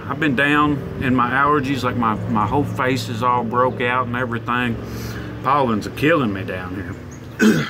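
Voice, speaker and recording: A man's voice: medium pitch, background noise. A man, chatting casually in a rambling, folksy vlog about vaping gear. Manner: folksy, easygoing drawl with fillers. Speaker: vaping vlogger.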